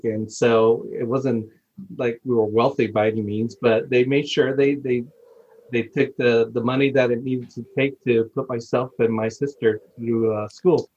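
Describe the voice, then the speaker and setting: Husky-voiced man on a muffled line. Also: medium pitch, a little mellow. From Puerto Rico, raised in Miami. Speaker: podcast guest. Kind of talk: casual interview.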